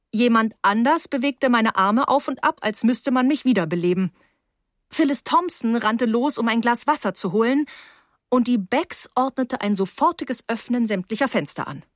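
A woman reading first-person narration for an audiobook in a lively, wry storytelling manner. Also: on the high side, no room sound, studio quality.

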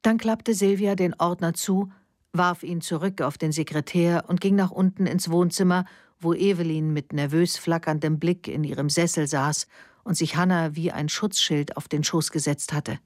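A woman narrating a novel as an audiobook in a measured, even storytelling manner. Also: fairly low pitch, dry recording, studio quality.

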